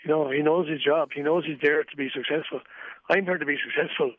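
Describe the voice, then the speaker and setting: A man with a Wexford accent from Ireland speaks in a slightly high voice over a thin, phone-like radio line. He sounds candid and earnest, reflecting as an interviewed coach and repeating phrases for emphasis. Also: fairly even intonation, quick pace, dry recording. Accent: Irish, Wexford. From County Wexford, Ireland. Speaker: amateur boxing coach, interviewee.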